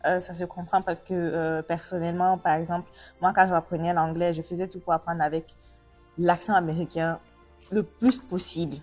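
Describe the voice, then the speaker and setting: A woman's voice: on the low side, level tone, normal speed, darkish tone, breathy edge, soft background music. A woman from Africa hosting a casual interview, chatty and asking long, rambling questions. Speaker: host.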